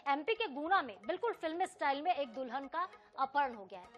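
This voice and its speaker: A woman anchoring a television news bulletin, reading stories formally and pressing a field reporter with brisk questions. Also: sits high, big pitch swings, faint music behind.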